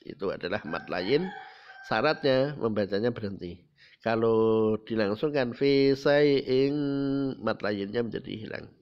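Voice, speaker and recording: A man's voice: lowish voice, creaky, muffled recording. A man teaching Quran recitation rules, drawing out each Arabic word in a raised voice and then patiently repeating the rule in plain speech. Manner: drawls out Arabic words in a raised voice, then explains calmly. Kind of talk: tajwid lesson explanation.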